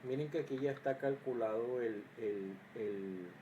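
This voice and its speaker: A man's voice: mid-range voice, a little slow, dark tone, highs cut off, a little hiss or hum. A man teaching an electrical circuits lesson, explaining step by step with frequent fillers and restarts, sometimes muttering to himself as he checks his work. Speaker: engineering teacher. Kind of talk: screen-recorded lesson.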